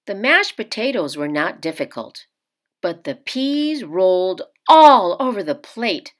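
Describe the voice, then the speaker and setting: A woman with a mid-range voice reads a children's picture book aloud, telling the story expressively and deliberately.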